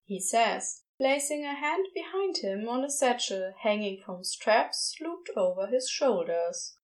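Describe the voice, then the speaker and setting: A woman with a fairly high voice reads scripted fantasy fiction at a slightly slow pace. Her pitch rises and falls a lot, keeping the narration lively, though the recording is rough.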